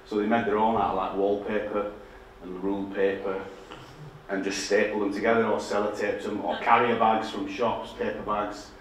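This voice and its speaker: This middle-aged man from Yorkshire speaks low, in a level tone at normal speed, with a thick local accent. As a designer giving a public talk on a dark theatre stage with a projector screen, he tells casual, heavily sweary stories bluntly and at his own expense. The audio has a little hiss or hum and sounds distant and echoey.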